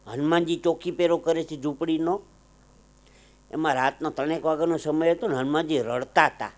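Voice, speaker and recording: A man spins folk jokes for a live audience, his fairly high voice lifting whenever he plays a character. He drags out the setups and slows right down for the punchlines. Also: steady tone. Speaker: folk comedian storyteller. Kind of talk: live comic storytelling to an audience.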